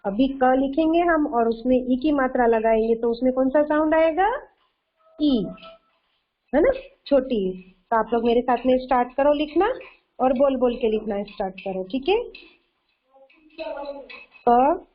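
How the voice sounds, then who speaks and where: Woman teacher doing a kids' online lesson, slow and repetitive, higher voice, muffled audio. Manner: slow, patient, repeats "theek hai" often, quizzes children. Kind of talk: online kindergarten Hindi lesson.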